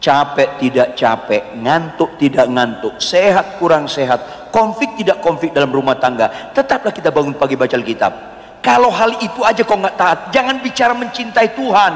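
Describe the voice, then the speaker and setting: A male pastor preaches in an animated, emphatic way, his voice high and swinging widely. It rings through a large church hall with a long reverb. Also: moderate pace. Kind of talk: sermon.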